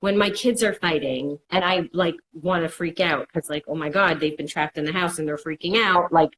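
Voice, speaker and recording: A woman's voice: low-pitched, moderate pace, a bit bright, a little hiss or hum, rough recording. A woman counselor giving casual, reassuring advice and acting out worried inner voices in quotes. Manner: reassuring, repeats "it's okay". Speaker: mental health counselor. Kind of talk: conversational advice.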